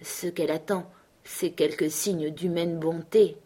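A skeptical man speaks in short, doubtful phrases, voiced by a woman reading a novel aloud. It's an audiobook reading, and he stays close to her own low, even voice. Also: normal speed, close to an everyday voice. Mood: sorrowful. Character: male master, skeptical, impatient, then sad.

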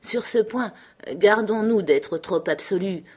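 A woman's voice: medium pitch, slow, a little mellow, slightly rough. A woman reading as a blunt, sure-of-himself dog driver. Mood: assertive. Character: male sled-dog driver, blunt, confident. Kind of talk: audiobook character reading.

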